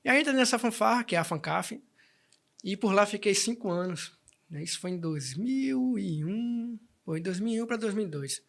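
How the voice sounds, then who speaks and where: A man's voice: high voice, animated, normal speed, creaky, fairly bright tone. A man, chatting as an interview guest and telling his story with many restarts. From Salvador, Bahia, Brazil. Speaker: guest, band president. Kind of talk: casual interview chat.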